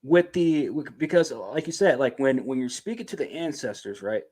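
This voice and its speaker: Man, podcast co-host, laid-back casual chat, swears a lot, middling pitch. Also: lively intonation, normal speed, darkish tone, slightly rough.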